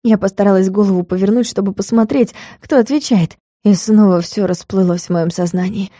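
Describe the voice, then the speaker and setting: A woman narrating a first-person fantasy story as an audiobook, lively and expressive in her telling. Her voice is mellow and sits at a middle pitch. The recording is dry and close, with no room around it. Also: a little fast, dry recording.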